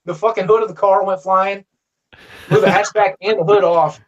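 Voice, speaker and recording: A man's voice: high voice, fairly even intonation, moderate pace. A man telling a long story in casual chat, rambling with many restarts and fillers. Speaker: guest storyteller.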